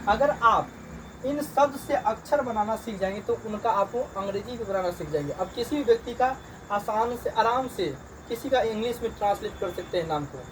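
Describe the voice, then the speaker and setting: High-voiced man teaching letters from afar. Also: expressive. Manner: slow, repetitive drilling of letters and sounds. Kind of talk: reading lesson for beginners. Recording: distant mic, loud crickets and traffic.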